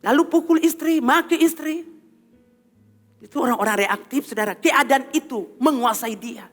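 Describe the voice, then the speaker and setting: A woman pastor with an Ambonese Malay accent preaching an animated sermon in a church, calling on the congregation for responses. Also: high-pitched, normal speed, soft background music. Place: church hall. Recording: long hall reverb.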